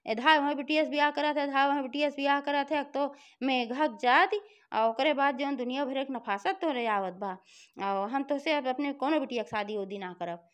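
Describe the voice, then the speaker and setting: A woman's voice: sits high, moderate pace, natural voice. A woman playing a hot-tempered folk-tale king, Bhojpuri accent. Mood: indignant. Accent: Bhojpuri-inflected Hindi. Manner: scolding, indignant folk-tale speech. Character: hot-tempered, helpless old-style male king. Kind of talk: devotional folk tale telling.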